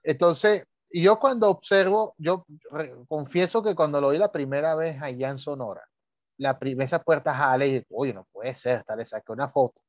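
A man's voice: on the high side, moderate pace, no echo, lo-fi sound. A man from Venezuela with a Venezuelan Spanish accent, talking casually and telling anecdotes with laughs and asides. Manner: chatty storyteller with frequent laughs and asides. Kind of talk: casual conversation about spelling.

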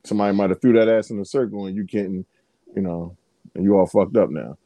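A man's voice: sits low, fast talker, warm tone, dry recording, poor audio. A man co-hosting a podcast, telling stories in loose, profane casual chat with lots of restarts. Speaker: podcast co-host.

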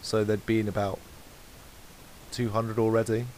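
Male podcast co-host, low voice, easygoing and meandering delivery, faint hiss. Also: a little slow, low-quality recording. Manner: rambling, self-correcting, relaxed. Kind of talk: casual chat.

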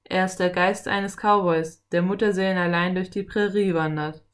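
A woman's voice: lowish voice, fairly even intonation, normal speed, close to an everyday voice. A woman voicing a friendly adult male cowboy, telling a campfire ghost story in an easygoing way. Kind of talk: audiobook character reading.

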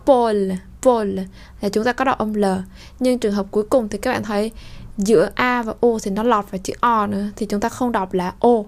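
A woman teaching French pronunciation in a lesson, explaining slowly and drawing out model words for listeners to repeat. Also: medium pitch, steady tone. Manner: slow, drawn-out model pronunciation between explanations.

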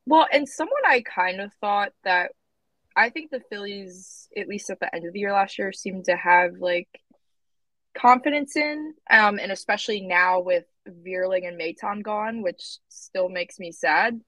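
A woman's voice: medium pitch, measured pace, a bit bright, no room sound. Chatty woman guest, dry sound. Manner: chatty, hedging with fillers. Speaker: podcast guest. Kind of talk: casual chat.

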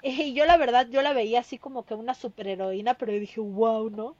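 A woman's voice: a little high, steady tone, a little fast, darkish tone, dry recording, muffled recording. A Mexican woman in her thirties, a guest telling her travel story in a casual interview, with many fillers and tag questions.

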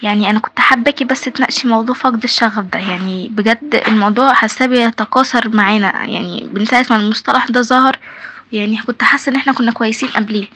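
A woman's voice: fairly high pitch, steady tone, rapid-fire, fairly bright tone, breathy edge. A woman with an Egyptian Arabic accent giving a casual comic rant in a voice message, mock-exasperated and stammering over words. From Alexandria, Egypt. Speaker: listener leaving a voice message.

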